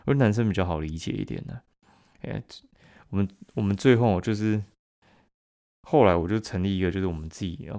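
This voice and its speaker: A man with a Taiwanese Mandarin accent hosting a casual solo podcast, blunt and profane, laughing at his own stories and jumping louder and higher when he mimics other people. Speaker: podcast host.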